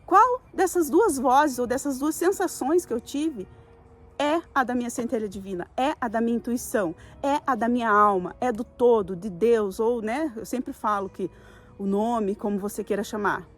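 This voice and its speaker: A middle-aged Brazilian woman with a fairly high voice gives a casual spiritual talk to camera. She chats with frequent fillers and tag questions, and she acts out her own quoted thoughts with lively shifts in her voice. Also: moderate pace. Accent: Brazilian Portuguese. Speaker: spiritual YouTuber.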